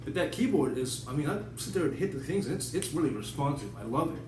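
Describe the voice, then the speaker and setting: Talking fast in a slightly high voice with lively intonation, a writer rambles bluntly and off the cuff on his own vlog, now and then swearing. He's indoors in his apartment, recorded by a distant tablet camera, so the room sounds echoey with noticeable background noise.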